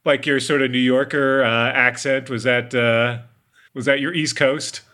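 A man's voice: mid-range voice, steady tone, measured pace, sharp tone. A man hosting a podcast panel, chatty and upbeat, rambling a little as he goes. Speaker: podcast host. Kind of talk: casual panel chat.

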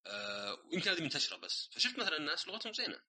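A man's voice: on the high side, big pitch swings, rapid-fire, bright, forceful tone, low-quality recording. A man hosting a casual solo podcast, explaining ideas through everyday examples and dropping English words into his speech. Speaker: podcast host.

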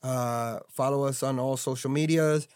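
A man's voice: medium pitch, steady tone, moderate pace, a little mellow, smooth, dry recording. A man hosting a casual podcast chat, loose and joking, often stumbling and restarting his words. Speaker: podcast host.

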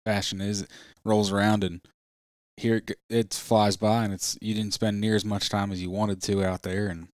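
A man with a deep voice speaks in casual conversation. His delivery is plain-spoken and easygoing, and the sound is dry with no room around it. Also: no room sound. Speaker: hunter in conversation.

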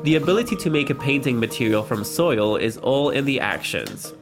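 Translating an interview, a man delivers a calm, explanatory voice-over in a middle pitch, speaking fairly quickly. Loud music runs beneath him throughout.

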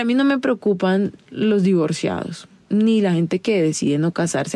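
A woman talks straight to her listener, confiding and direct, as she hosts her own advice podcast. Her voice is dark and mellow with a gravelly fry, and it sits close and dry with no room sound around it. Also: mid-range voice, no echo. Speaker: podcast host. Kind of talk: casual advice monologue.

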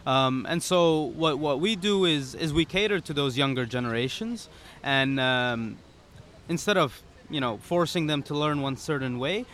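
A young man, a startup founder being interviewed on a podcast, talking in a relaxed way with many "you know"s. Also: fairly high pitch, moderate pace. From Serbia, raised in the UAE. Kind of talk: casual interview. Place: pop-up studio at a conference.

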